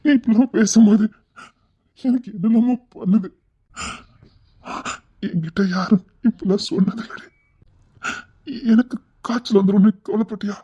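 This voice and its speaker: A woman acting as a lonely, tender-hearted man in a Tirunelveli Tamil drama, tearful and pleading, often hushed. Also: mid-range voice, fairly even intonation, normal speed, long pauses, slightly rough, lo-fi sound, natural voice. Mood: moved.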